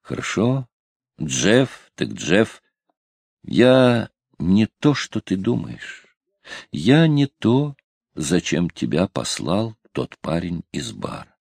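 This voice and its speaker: A man's voice: low voice, big pitch swings, slow pace, creaky, a little mellow, slightly rough, no echo, exaggerated voice. A man reading an audiobook, voicing a coy, stubborn young woman. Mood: gentle. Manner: hesitant, teasing.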